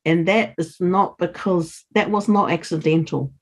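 Earnest and encouraging toward listeners, a middle-aged woman talks as an interview guest over video call. Her voice is fairly low, husky and darkish in tone, with fairly even intonation and a slightly slow pace.

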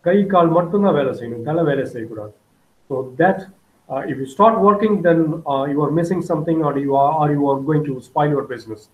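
A middle-aged man with a South Indian Tamil accent teaches in a didactic, repetitive way. His voice is fairly high and races along very quickly. The sound is thin and phone-like, as from an online meeting. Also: lively intonation, a little mellow. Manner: didactic, repeats key points. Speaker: business trainer. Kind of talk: online lecture with slides, switching between two languages. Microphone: video call microphone. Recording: phone-like, roomy webmeeting audio.

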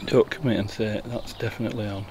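Outdoors at a bowling green, a man offers casual amateur commentary on a bowls match, captured on a camera mic with a crowd audible behind him. His voice sits on the low side with fairly even intonation, and he talks quickly, chatting through each shot as it happens.

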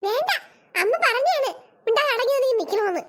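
Tiny cartoon girl, whines and wails, shrill, voiced by a woman. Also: expressive, fast talker. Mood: wailing. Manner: whining, tearful wailing. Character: small whiny girl at preschool.

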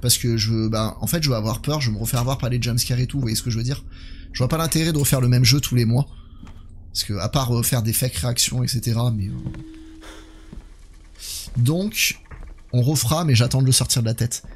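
A man's voice: mid-range voice, brisk, long pauses, a little hiss or hum. A man livestreaming a horror game, chatting with his viewers as he comments. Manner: chatty, talks to his audience. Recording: music playing behind the voice. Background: game music.

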